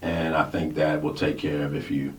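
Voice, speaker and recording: Deep-voiced man in his forties on the radio. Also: level tone, moderate pace. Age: 40s. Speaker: radio show co-host. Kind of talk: casual radio talk. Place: radio studio. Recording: roomy studio sound, mic at a distance, faint hiss.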